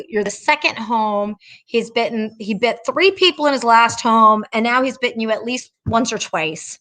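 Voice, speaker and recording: A middle-aged dog trainer hosting a Q&A speaks in a slightly high, somewhat bright voice. Her casual talk is chatty, direct and emphatic, with stories woven into her advice.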